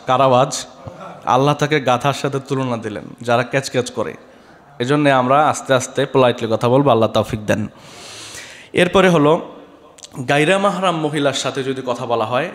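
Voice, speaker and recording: A man's voice: fairly high pitch, fairly bright tone, long reverb tail. A man preaching a sermon on a microphone, exhorting his listeners and asking them rhetorical questions.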